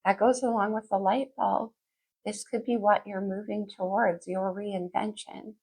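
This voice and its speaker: A woman's voice: medium pitch, fairly even intonation, measured pace, darkish tone, husky. A woman astrologer giving a casual tarot reading, musing aloud to the listener, her speech slightly muffled. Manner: conversational, musing aloud, addressing the listener directly.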